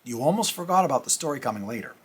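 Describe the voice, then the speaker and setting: Man, middle-aged, husky voice, casual vlog host, rambling, self-deprecating. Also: medium pitch, expressive, very fast. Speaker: comic review channel host. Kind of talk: casual comic review vlog.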